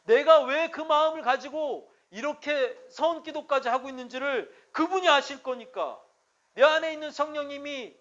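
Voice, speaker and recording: A man's voice: extremely high pitch, fairly bright tone, lo-fi sound. A man preaching a sermon as pastor. He speaks in an emphatic, conversational way and keeps checking in with rhetorical questions.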